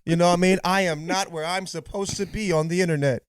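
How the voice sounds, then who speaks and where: A man's voice: sits high, steady tone, fast talker, clear, resonant tone, dry recording, studio quality. A man co-hosting a podcast in casual chat, laughing often and checking in with "you know what I mean" after his points. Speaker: podcast co-host.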